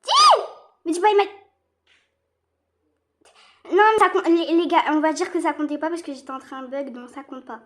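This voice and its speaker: A young woman from France giving casual, excitable commentary while she plays a game online, repeating herself and using slang. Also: sits high, moderate pace, pauses often, a little hiss or hum. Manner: slangy teen talk. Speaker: gaming streamer.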